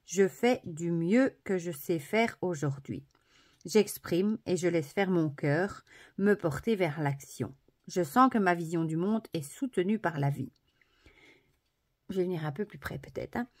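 A woman presenting an oracle card deck, softly admiring each card and then reading the booklet text aloud. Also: lowish voice.

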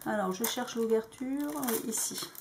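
French lady chatting about her craft stuff, lots of euh, kinda high voice. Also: moderate pace, heavy background noise. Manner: hesitant, many fillers. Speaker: crafting vlogger. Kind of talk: casual show-and-tell.

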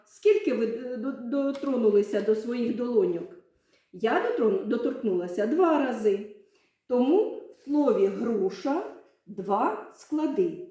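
A woman's voice: on the high side, dark tone. A woman teaching young children a literacy lesson, patiently stretching out words to show their syllables. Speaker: primary school teacher. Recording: very echoey room.

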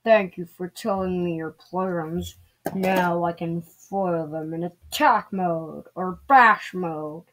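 A woman's voice: fairly low pitch, a bit bright, a little hiss or hum, poor audio. A woman voicing a boastful, evil male Christmas monster who cackles and gloats in a playful home-video skit. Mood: taunting. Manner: cackling, gloating, drawn-out threats.

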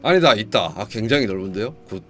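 A man's voice: on the low side, animated, quick pace. A man in his thirties chatting casually as he streams a game. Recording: loud music behind the voice. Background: loud music.

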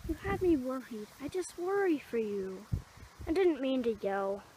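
A woman's voice: high voice, very animated, a little slow, mellow, slight background noise. A woman voicing a protective, widowed mother rabbit who scolds in an anxious, motherly way. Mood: scolding, tender.

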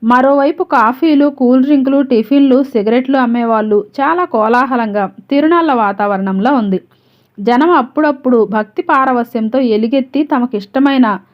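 A woman storyteller reading a story aloud in a steady, even-paced way. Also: fairly high pitch. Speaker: storyteller, channel host. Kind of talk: scripted story narration. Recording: dull lo-fi audio.

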